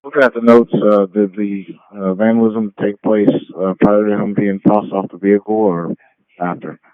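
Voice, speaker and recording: A man's voice: lowish voice, flat delivery, moderate pace, no room sound. A male police officer speaking in procedural terms over police radio. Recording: tinny, narrow police radio transmission.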